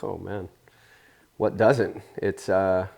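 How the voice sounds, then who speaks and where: A man in his forties with a fairly low voice, raised in Spain, chats through his stories at an easy pace. He rambles a little and fills gaps with "uh" and "you know.". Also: little pitch movement, takes it slowly, vocal fry, a little mellow. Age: 40s. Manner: easygoing, rambling, with many fillers. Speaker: interview guest, surfer. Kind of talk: casual storytelling interview.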